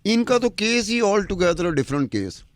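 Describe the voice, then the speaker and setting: A man's voice: sits high, big pitch swings, dry recording. Man firing rhetorical questions. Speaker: podcast commentator. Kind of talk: argumentative podcast talk. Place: studio with a woman anchor.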